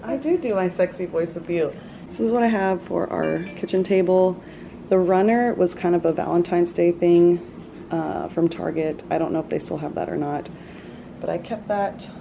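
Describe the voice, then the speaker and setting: Sitting in her home living room, a young vlogger chats casually to the camera in a low, creaky voice at a normal pace. She sounds relaxed and talkative, dropping a Southern "y'all." There's a little background noise.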